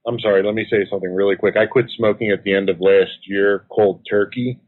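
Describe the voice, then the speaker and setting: Over a tinny phone line, a man guesting as an activist and researcher gives long, earnest interview answers. His voice is fairly low, steady in tone, and brisk.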